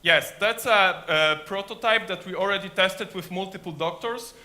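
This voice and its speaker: High, bright voice in a rehearsed startup pitch. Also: male voice, moderate pace.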